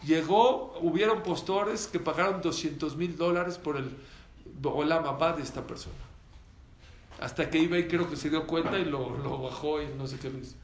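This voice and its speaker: Man, lively storytelling sermon, echoey room, faint background noise. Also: a little high, moderate pace. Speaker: religious teacher.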